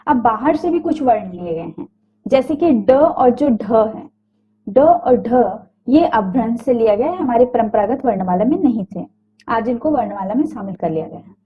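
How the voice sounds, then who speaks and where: A woman teaching a grammar lesson in a fairly high voice, sounding out each letter slowly and patiently and catching her own slips along the way. The sound is thin and tinny, as if it came through a phone line. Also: animated. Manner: small self-corrections and apologies. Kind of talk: recorded Hindi grammar lecture.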